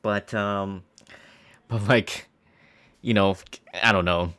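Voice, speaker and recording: A man's voice: on the low side, steady tone, slow pace, pushed and bright. A young man casually commenting on his old school video, rambling with many restarts and small laughs.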